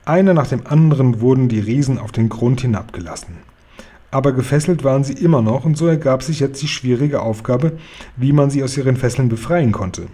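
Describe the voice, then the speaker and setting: A man reading a children's book aloud in a calm, even storytelling manner. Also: medium pitch, fairly quick.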